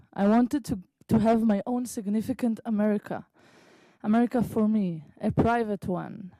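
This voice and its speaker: A woman from Israel, a native Hebrew speaker, slowly reading her own prose poem at an open mic in a library meeting room, with halting asides. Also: a little high, mellow, no room sound, low-quality recording. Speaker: visiting writer reading her piece.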